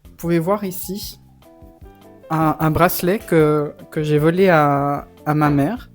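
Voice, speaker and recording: A man's voice: on the high side, fairly even intonation, slow. Young man, campy drag queen delivery, playful theatrics, casual vlog chat, music behind. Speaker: drag performer and vlogger.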